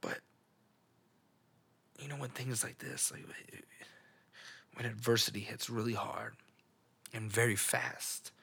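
Husky man, halting and emotional. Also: medium pitch, fairly even intonation, sharp tone. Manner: halting, repeats words, trails off. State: emotional, on the edge of tears. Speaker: podcast host. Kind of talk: unscripted emotional monologue. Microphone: studio microphone.

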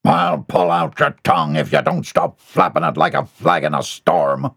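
A man's voice: sits low, big pitch swings, moderate pace, gravelly, a bit bright, slightly rough, no room sound, studio quality, pitched below the performer's own voice, full character voice. A man voicing a huge, bald, tattooed prison thug who growls threats. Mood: threatening.

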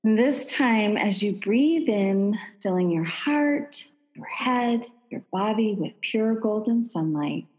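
A woman podcast host leading a guided breathing meditation in a calm, soothing, meditative tone. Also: mid-range voice, slow, long reverb tail, rough recording.

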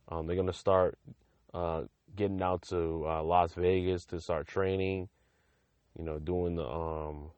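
A man's voice: low voice, a little mellow, dry recording. A young man from Massachusetts, hosting a casual sports podcast in a rambling style full of fillers and restarts. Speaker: podcast host.

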